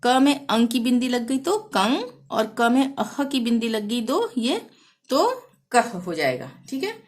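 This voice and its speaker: Slow-paced, patient woman teaching Hindi. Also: on the high side, very animated. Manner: spells out syllables one by one, often checks with "ठीक है". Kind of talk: slow, patient classroom explanation.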